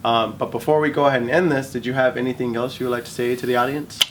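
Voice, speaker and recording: Man, host of an interview show; earnest, mid pitch, faint background hiss. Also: level tone, racing. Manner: earnest, speaks from the heart, repeats words. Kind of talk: casual interview chat.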